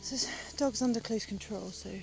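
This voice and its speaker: A woman's voice: a little high, moderate pace, vocal fry, over music. A woman chatting casually and enthusiastically as she narrates a country walk for a vlog. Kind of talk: casual chat.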